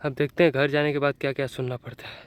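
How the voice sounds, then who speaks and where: Racing along in a mid-range, level voice, a young northern Indian vlogger chats to camera in farm fields and then at home. He mocks himself ruefully and keeps addressing viewers as "brother," with "bhai sahab" cropping up often. The sound is smooth with no echo.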